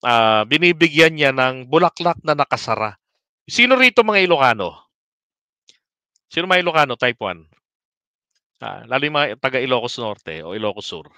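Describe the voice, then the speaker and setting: A man's voice: mid-range voice, big pitch swings, moderate pace, pauses often, sharp tone, smooth, no echo. A man giving casual political commentary to his viewers, politely asking them rhetorical questions and mixing in English words. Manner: polite, addresses audience respectfully.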